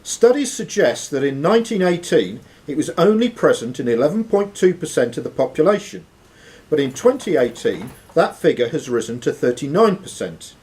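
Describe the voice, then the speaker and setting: Reading quiz questions to contestants, this quizmaster has a slightly high, sing-song voice with a darkish tone and normal speed. The noisy recording was made live in a social club room with players gathered around.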